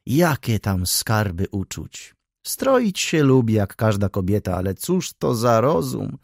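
A man's voice: fairly low pitch, gravelly, darkish tone, no echo, studio quality, exaggerated voice. A man voicing a talkative, ceremonious graying older baron who keeps calling his listener "sir". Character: chatty, fussy graying older baron, eager.

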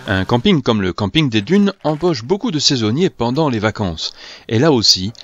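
A man reading a scripted news voice-over in a measured, even manner. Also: medium pitch, no room sound, highs cut off. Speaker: news narrator.

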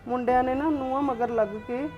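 A woman's voice: sits high, fairly even intonation, fast talker, dull audio, over loud music, lightly acted. A woman playing a tearful older mother. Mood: sorrowful. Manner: pleading, sorrowful. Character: aging mother, tearful, cast out by sons. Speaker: aunt in a family drama. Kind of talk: Punjabi short film acting.

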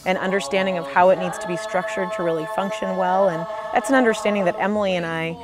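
A woman's voice: fairly low pitch, steady tone, fast. A young woman co-writer of a musical, speaking earnestly and articulately in a documentary interview. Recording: music playing underneath.

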